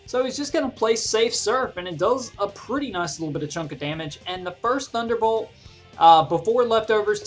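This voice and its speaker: Over background music, a video creator talks through their own game battle move by move, casually reasoning out each choice aloud. Their voice sits in the mid-range and has a fairly bright tone.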